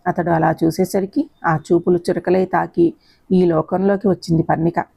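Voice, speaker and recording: A woman narrating a romance story in a steady, expressive reading voice. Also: lowish voice, normal speed, gravelly, husky, dry recording. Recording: dull lo-fi recording.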